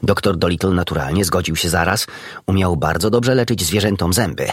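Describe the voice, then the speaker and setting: A man reading a children's book aloud as an audiobook narrator, in expressive scripted narration. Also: sits low, brisk, breathy edge, dry recording, clean studio sound.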